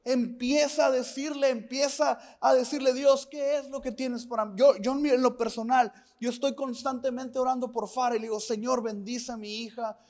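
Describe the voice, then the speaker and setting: High-voiced male pastor preaching. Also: fairly even intonation, moderate pace, few pauses, a little mellow. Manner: earnest, repeats phrases and asks the listener questions; mixes personal family stories into preaching. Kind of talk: sermon.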